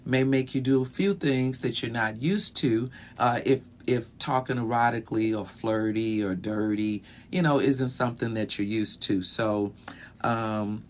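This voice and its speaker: A man who works as a sexologist, speaking in a relaxed educational talk with many fillers and repeated phrases, recorded in a bedroom closet. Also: medium pitch, measured pace, a little hiss or hum.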